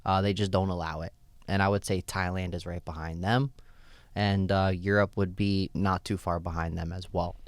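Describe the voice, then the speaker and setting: Speaking at a moderate pace in a low-pitched voice, a store owner guest takes interview questions casually. He's loose and relaxed, leaning on fillers, "you know" and frequent "right?" tags, and the recording is dry.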